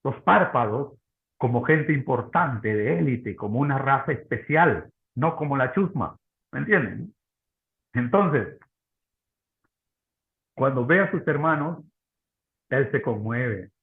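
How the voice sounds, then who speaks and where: Preacher on a tinny line. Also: male voice, mid-range voice, animated, slow, gravelly, long pauses. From Peru. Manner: conversational, keeps asking the audience. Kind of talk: sermon. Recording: tinny phone-like audio.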